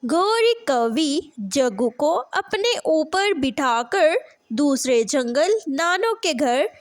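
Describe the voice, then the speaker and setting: A woman narrating a children's cartoon story in a deliberate, plain manner. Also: high voice, sing-song, no echo, clean studio sound.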